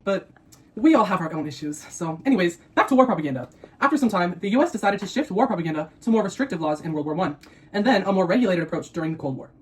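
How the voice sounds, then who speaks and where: Extremely fast-talking young woman co-host. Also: fairly low pitch, lively intonation. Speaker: co-host of a mukbang video. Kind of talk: scripted explainer mixed with playful banter.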